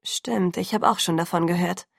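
A woman's voice: fairly low pitch, moderate pace, vocal fry, husky, dry recording, clean studio sound. A woman voicing a teenage boy in an audiobook who holds back his anger, speaking curtly with a tightly controlled voice. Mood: tense, restrained. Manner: clipped, tightly controlled speech. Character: angry restrained teenage boy, tense and curt.

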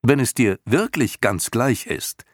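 A man's voice: mid-range voice, animated, unhurried, no room sound, studio quality, voice pushed up. A man voicing a determined young boy hero who speaks urgently and insistently.

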